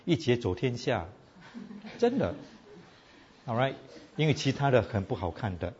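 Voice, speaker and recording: Lively code-switching male preacher. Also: medium pitch, normal speed, muffled recording, slight background noise. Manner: animated, asks the audience "all right?" often. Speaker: preacher teaching a Bible class. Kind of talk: casual sermon mixing Chinese and English.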